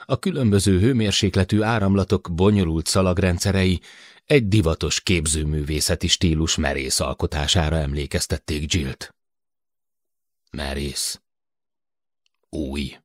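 Low-voiced man for audiobook narration; measured, steady reading, dry close mic. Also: no room sound. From Hungary. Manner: measured, even storytelling. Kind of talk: scripted narration.

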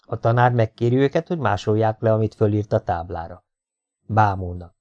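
A man's voice: lowish voice, a little mellow, highs cut off. A man reading an audiobook aloud in a wry, dry storytelling manner. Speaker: audiobook reader. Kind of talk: audiobook narration.

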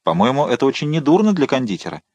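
A man's voice: mid-range voice, sing-song, quick pace, a little mellow, no room sound, lo-fi sound, voice pushed up. A man doing a grumbling old servant turned shopkeeper. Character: grumbling middle-aged male former servant turned shopkeeper.

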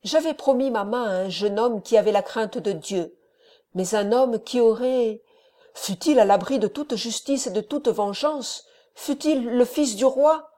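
A woman's voice: fairly high pitch, a little slow, mellow, close to an everyday voice. A woman voicing a frightened young woman who pleads in a raised, tearful tone. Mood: pleading.

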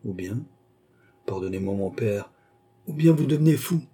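A man's voice: fairly low pitch, animated, moderate pace, dark tone, slightly rough. A man voicing a young knight who answers his father coldly and with restraint in an audiobook. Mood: restrained. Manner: cold, restrained, curt. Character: young chevalier son, cold and dignified. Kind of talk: audiobook character reading.

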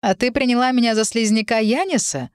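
A woman voicing a rude, contemptuous young man, a dark phoenix warrior in a fantasy audiobook. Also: a little high, a little fast, clear, resonant tone, no room sound, studio quality, pitched above the performer's own voice, lightly acted. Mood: scornful. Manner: insulting, contemptuous.

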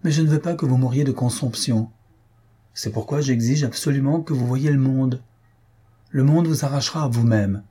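A man's voice: mid-range voice, normal speed, mellow, slightly rough, pitched above the performer's own voice, close to an everyday voice. A man voicing an affectionate but bossy society lady who talks firmly and coaxingly.

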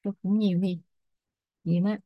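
Một người phụ nữ đang giảng bài, đọc chậm từng thuật ngữ, đánh vần rồi giải nghĩa như cho học viên chép. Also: female voice, medium pitch, fairly even intonation, no echo, highs cut off. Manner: spells out Pali terms and glosses them slowly. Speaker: Buddhist Abhidhamma teacher. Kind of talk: slow dictation-style teaching.

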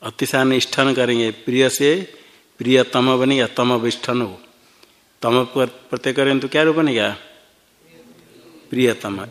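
A man with a mid-range, fairly bright voice teaches a Sanskrit grammar lesson in an ashram classroom. He explains each form step by step and quizzes his students along the way.

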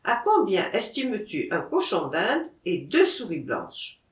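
A woman reading as a courteous gentleman. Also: medium pitch, wildly swooping pitch, measured pace, roomy sound, far from the mic. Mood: polite.

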